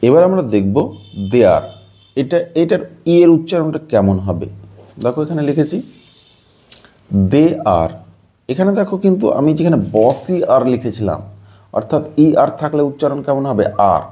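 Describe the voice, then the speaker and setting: A man from Bangladesh explains a pronunciation lesson. He is patient and repetitive, spelling words out sound by sound. His pitch moves in a lively way and his tone is mellow. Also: brisk. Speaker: English teacher.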